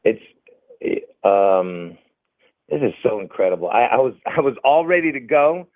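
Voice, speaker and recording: A man from Lebanon, a guest talking casually and hesitantly, full of fillers. His voice comes through a thin, phone-like remote line with no room sound. The pitch sits in the middle. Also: very animated, normal speed, no echo. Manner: rambling, hesitant, many fillers. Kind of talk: casual conversation.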